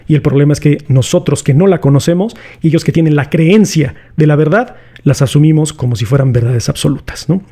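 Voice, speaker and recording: Mexican man, casual philosophy lesson host, slangy and conversational, asks the audience a lot, slightly higher pitch. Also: warm tone. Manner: chatty, slangy, poses rhetorical questions to viewers. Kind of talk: casual explanatory lecture.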